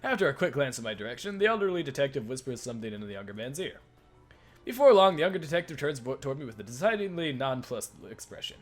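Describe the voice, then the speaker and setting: A man reading a visual novel aloud for a let's play, dry and sarcastic between the lines, with soft music under him. His voice sits at an ordinary middle pitch. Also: big pitch swings, rapid-fire, hardly any pauses. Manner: sarcastic, laughs often.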